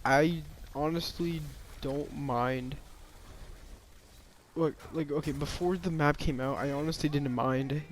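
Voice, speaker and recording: A man's voice: on the high side, steady tone, slow pace, slight background noise. A man giving a casual, rambling opinion monologue about a game, often hesitating, restarting and sighing.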